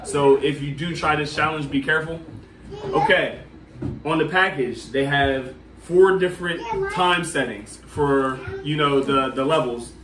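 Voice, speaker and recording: Give me an echoey, higher-pitched man hosting a challenge. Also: fairly even intonation, unhurried. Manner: addresses a group with y'all and guys. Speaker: host of a candy challenge. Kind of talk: casual challenge hosting, counting down and explaining rules. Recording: echoey room, distant mic, background noise.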